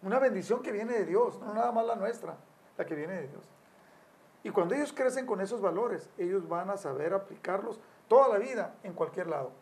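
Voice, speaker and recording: Gravelly older man telling family stories. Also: high voice, lively intonation, fairly quick, darkish tone. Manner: storytelling, acts out quotes with raised voice. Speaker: family counselor guest.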